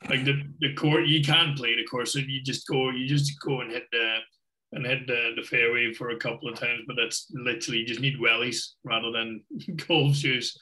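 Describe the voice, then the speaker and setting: A Scottish man in his thirties with a bright, forward tone chats casually over a video call from his home office. He rambles a bit, piling up fillers like "like" and "you know" as he guest-hosts. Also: medium pitch, steady tone, normal speed, low-quality recording. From Scotland. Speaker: guest host.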